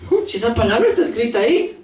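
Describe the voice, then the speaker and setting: A pastor with a Costa Rican accent preaching a lively sermon, asking the congregation questions and acting out voices. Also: medium pitch, fast talker. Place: church hall. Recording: echoey church hall, distant mic, faint noise.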